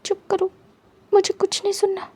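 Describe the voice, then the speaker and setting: A woman voicing a hurt, jealous young man who talks to his husband in a quiet, reproachful way. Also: very high-pitched, completely flat delivery, normal speed.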